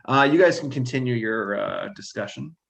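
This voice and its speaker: A man narrating a tabletop game as dungeon master in a relaxed, casual way. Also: mid-range voice, moderate pace, gravelly.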